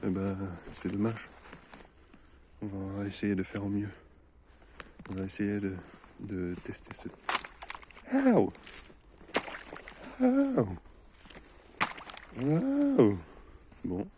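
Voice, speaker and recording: A man's voice: fairly low pitch, flat delivery, a little slow, long pauses. A man vlogging outdoors in a snowy forest, joking with viewers in a mock-formal explorer manner. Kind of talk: playful mock-explorer commentary. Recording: noisy outdoor recording.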